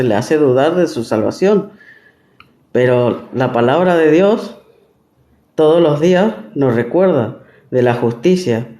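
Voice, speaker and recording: A man's voice: mid-range voice, darkish tone. A man preaching a sermon, asking and answering his own questions and quoting scripture. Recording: echoey room.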